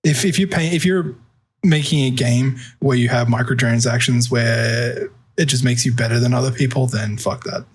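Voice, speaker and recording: A man's voice: medium pitch, fairly even intonation, moderate pace, husky. A man co-hosting a casual gaming podcast, blunt and laid-back, swearing freely. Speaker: podcast co-host.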